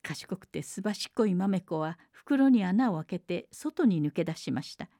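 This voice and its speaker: A woman storyteller reading a folktale aloud in a gentle, measured way, recorded in a broadcast studio. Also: on the low side, animated, vocal fry, no room sound.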